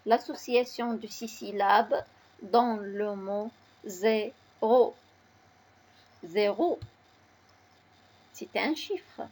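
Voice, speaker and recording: A woman teacher slowly spelling out letters and syllables in a reading lesson for children. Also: medium pitch, darkish tone.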